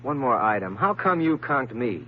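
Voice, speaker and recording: An American man plays a wisecracking, cynical private eye in an old-time radio detective drama, acting and narrating with slangy, sardonic flair. His mid-range voice is sing-song at a normal speed, lightly acted. The vintage recording is dull, with music and a little hiss or hum.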